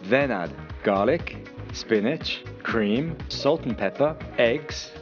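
A man reading scripted voice-over narration of a recipe in an even, measured way. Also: mid-range voice, lo-fi sound, music in the background.

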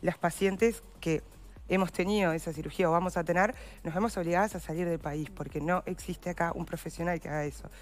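A woman's voice: fairly low pitch, steady tone, fairly quick. Earnest Uruguayan woman explaining. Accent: Uruguayan Spanish. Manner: earnest, explanatory, uses voseo. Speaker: guest, endometriosis patient advocate. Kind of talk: explanatory interview answers.

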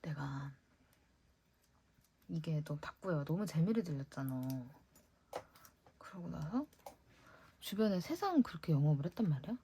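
A woman's voice: low-pitched, animated, moderate pace, pauses often, dark tone, a little hiss or hum. A young woman chatting casually while decorating a diary, musing aloud and sometimes whispering to herself. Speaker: vlogger.

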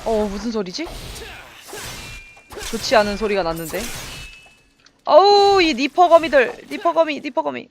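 A young woman casually commenting on her gameplay, chatty and excitable, making little sound effects as she fights. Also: medium pitch, slight background noise. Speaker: game streamer.

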